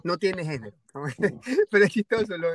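His voice is high-pitched with big pitch swings at a moderate pace, and there's background noise. A Guayaquil-accented man from Ecuador, he hosts a podcast conversationally, hesitating a lot with fillers, restarts and tag questions.

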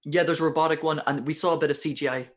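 Excitable man with a slightly high voice. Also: rapid-fire. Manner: excitable and animated, with stammered restarts and swearing. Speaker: podcast co-host. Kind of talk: casual TV episode review chat.

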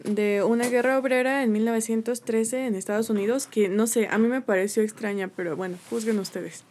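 A woman's voice: fairly high pitch, steady tone, brisk, darkish tone, slight background noise. A woman co-hosting a casual podcast, talking hesitantly and unsure of herself. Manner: hesitant, unsure, many fillers. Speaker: podcast co-host. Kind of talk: casual chat.

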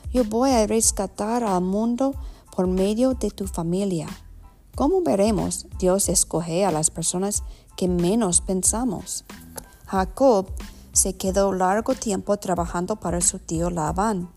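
A woman with an American accent in Spanish, a native English speaker, reading a children's storybook aloud with halting, self-corrected phrasing. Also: medium pitch, vocal fry, dark tone. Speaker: storybook reader. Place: at home.

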